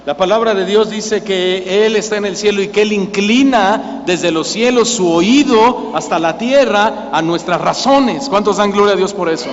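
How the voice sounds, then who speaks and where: A man in his thirties with a Mexican accent, preaching a sermon, questioning the congregation and rising to loud cries. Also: sits high, normal speed, hardly any pauses, a little hiss or hum. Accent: Mexican Spanish. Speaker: pastor. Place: church hall. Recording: lo-fi church recording with long reverb.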